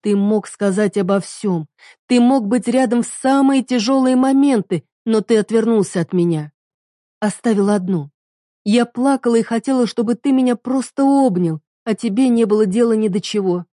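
Woman doing a tearful screaming young wife, high and loud, mellow tone, dry sound. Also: moderate pace, no echo, lightly acted. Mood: accusing. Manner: shouting, bitter, tearful.

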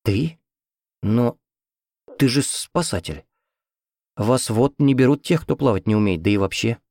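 A man voicing a timid young female medical student who speaks quietly and hesitantly. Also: medium pitch, animated, measured pace, no room sound, clean studio sound. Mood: surprised.

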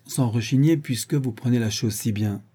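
A man's voice: medium pitch, moderate pace, warm tone, husky, natural voice. A man voicing a sly, obsequious male henchman in an audiobook reading. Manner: fawning, cheeky.

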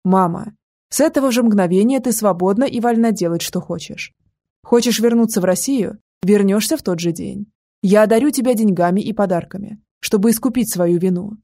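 A woman's voice: mid-range voice, fairly quick, mellow, lightly acted. A woman voicing a thirty-year-old sheikh, remorseful and hesitant, in an audiobook. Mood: conflicted. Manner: hesitant, conflicted speech.

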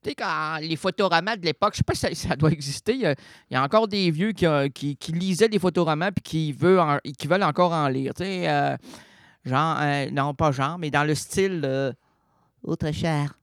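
Rambling Québécois radio host, dry sound. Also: male voice, on the high side, normal speed, no room sound. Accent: Québécois French. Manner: playful, digressive, constantly self-correcting. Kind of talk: rambling late-night radio monologue. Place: radio studio.

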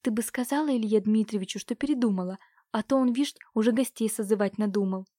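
A woman voicing a gentle elderly aunt who speaks softly and coaxingly to her niece. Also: fairly high pitch, fast talker, no echo, clean studio sound, natural voice.

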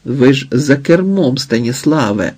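A man voicing a stern elderly mother-in-law who speaks calmly and with restraint, in a storybook reading. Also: medium pitch, husky. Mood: cool, composed. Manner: calm, measured, restrained.

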